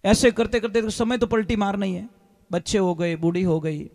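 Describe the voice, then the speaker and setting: A man preaching a devotional sermon, telling stories in an animated way. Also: high voice, moderate pace, gravelly. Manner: animated storyteller, switching into character voices. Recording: long hall reverb.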